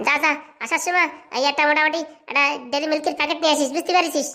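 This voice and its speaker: A woman voicing a sharp-tongued, nagging young wife in a family cartoon, with a shrill, scolding manner. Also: fairly even intonation, racing. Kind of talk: cartoon voice acting.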